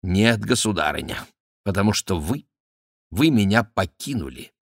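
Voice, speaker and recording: A man's voice: fairly low pitch, big pitch swings, normal speed, creaky, no room sound, studio quality, full character voice. A man voicing a proud, sly young royal duke who answers his mother with emphatic, indignant exclamations. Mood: defiant.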